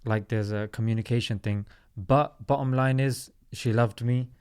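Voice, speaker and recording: A man's voice: medium pitch, fairly even intonation, moderate pace, a little mellow, clean tone. A man in his thirties from South London, a podcast guest telling his story in an earnest, reflective way. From South London, England. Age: 30s. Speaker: podcast guest, comedy YouTuber. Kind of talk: casual interview talk.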